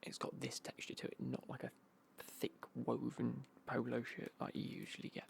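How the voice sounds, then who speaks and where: A British man speaks in a hushed, breathy whisper that often drops into a very gravelly, creaky murmur. He chats informally, as in an ASMR unboxing, rambling along with understated remarks. Faint noise sits behind his voice. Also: medium pitch, monotone, normal speed. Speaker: ASMR vlogger showing golf clothing.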